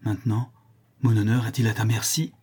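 A man voicing a cruel, scheming male notary who confesses his crimes and then grows frantic, with a dark husky voice. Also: fairly low pitch, little pitch movement, brisk. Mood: confessing coldly. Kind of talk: audiobook character reading.

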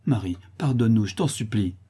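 A man voicing a gentle young girl who pleads and implores, for a storybook reading. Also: lowish voice, lively intonation, brisk, breathy edge. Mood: pleading.

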